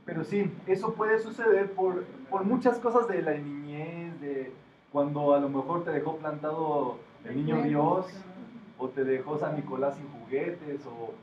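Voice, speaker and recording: Man, metaphysics teacher, explaining and quizzing the class, slightly high voice, distant echoey lo-fi recording. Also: measured pace, a crowd in the background. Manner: explanatory, asks the class questions. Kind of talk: classroom talk to students. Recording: echoey room, distant, dull, faint noise.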